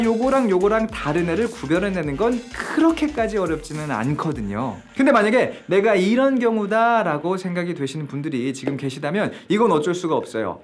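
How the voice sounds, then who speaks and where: An English teacher giving a video lesson, explaining step by step and asking viewers questions along the way. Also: mid-range voice.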